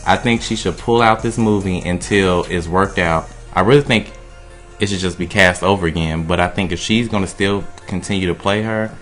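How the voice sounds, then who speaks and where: Male radio co-host, very low voice, opinionated and emphatic, faint music bed. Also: moderate pace, fairly bright tone. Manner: emphatic, opinionated, rambling run-on talk. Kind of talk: casual opinion chat.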